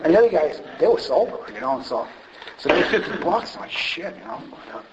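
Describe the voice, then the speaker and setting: A man's voice: on the high side, big pitch swings, quick pace. Rambling New man, dull lo-fi recording. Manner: rambling, self-deprecating, many fillers and restarts. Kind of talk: personal recovery story told to a group. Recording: dull lo-fi recording, faint hiss.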